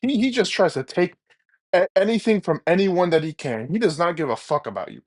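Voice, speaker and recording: A man hosting a reaction video, rambling with halting restarts and blunt opinions. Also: high voice, expressive, a little mellow. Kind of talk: casual reaction commentary.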